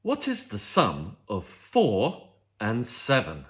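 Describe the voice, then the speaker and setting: British man, slow and lively. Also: on the low side. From Britain. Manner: gives short example sentences. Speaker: guest teacher.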